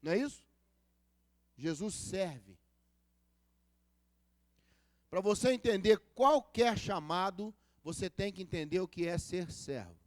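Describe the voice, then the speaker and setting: A man's voice: sits high, dry recording, clean studio sound. A male pastor preaching a sermon at a church service, telling stories and acting out the dialogue, and asking the congregation for responses. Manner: storytelling preacher who acts out dialogue.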